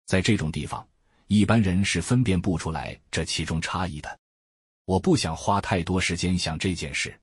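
A man reads a first-person literary passage in a measured way. His voice is very low and deeply husky, recorded dry and close. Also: dry recording. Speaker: reader. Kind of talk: first-person book reading.

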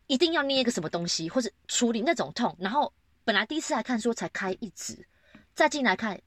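A woman co-hosting a casual podcast chat, telling a lively story and acting out the quotes. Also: quick pace. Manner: lively storytelling, acts out quotes with big pitch jumps. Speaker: podcast co-host.

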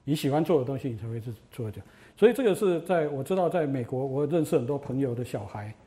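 A middle-aged man lecturing to university students, retelling old stories with rhetorical questions and an animated manner. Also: medium pitch, fast.

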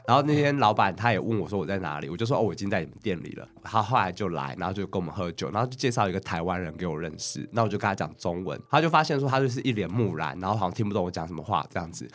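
Fast-talking Taiwanese man telling stories. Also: low-pitched. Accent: Taiwanese Mandarin. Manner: animated, chatty storyteller with laughs and swearing. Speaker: podcast guest, bar owner. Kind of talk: casual storytelling chat.

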